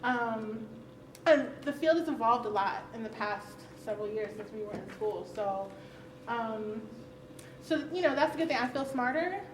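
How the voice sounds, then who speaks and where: High-voiced woman speaking candidly at a panel. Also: expressive, normal speed. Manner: frank, conversational, laughs often. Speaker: conference panelist. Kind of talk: candid personal talk at a roundtable. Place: conference session room. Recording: roomy, distant, faint hiss.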